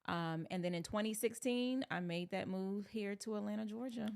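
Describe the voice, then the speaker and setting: Born in Alabama and raised in North Carolina, a young sports PR manager tells her story upbeatly as a guest in a casual podcast interview. Her medium-pitched voice is gravelly yet a little mellow and clean-toned, at normal speed.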